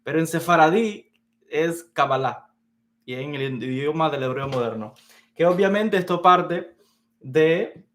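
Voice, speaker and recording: A man teaching an introductory lecture on Kabbalah, unhurried and methodical, repeating key words as he explains them at a whiteboard. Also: a little high.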